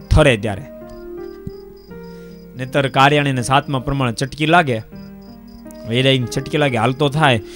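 Bright-voiced monk preaching. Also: male voice, mid-range voice. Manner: repeats rhetorical questions to the audience; lively storytelling, voices the people in his stories. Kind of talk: folksy sermon with stories.

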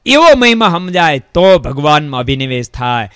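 High, bright-voiced preacher man. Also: normal speed, smooth, no echo, studio quality. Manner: animated storytelling, repeats phrases for emphasis. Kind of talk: religious discourse with parable.

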